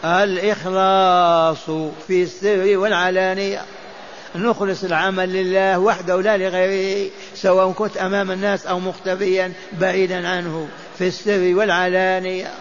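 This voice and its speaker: An older man gives a hadith lesson at a mosque, chanting and repeating texts so listeners can memorize them. His voice sits high with little pitch movement at normal speed. It's a dull lo-fi lecture recording with slight background noise.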